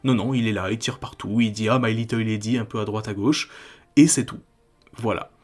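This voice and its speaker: A man's voice: fairly low pitch, moderate pace, darkish tone, breathy edge. A man from France hosting a video essay, talking in a critical, conversational way with frequent casual fillers. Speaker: YouTube host.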